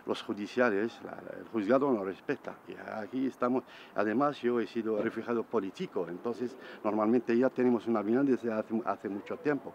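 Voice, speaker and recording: A man in his forties speaking indignantly on a city street, halting and repeating words as he talks. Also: fairly low pitch, vocal fry, darkish tone, highs cut off, a little hiss or hum. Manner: halting, repeats words while searching for them; indignant, gestures and points while talking. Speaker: evicted resident interviewed on the street. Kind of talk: street interview. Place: city street outdoors beside a van. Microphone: camera mic at close range.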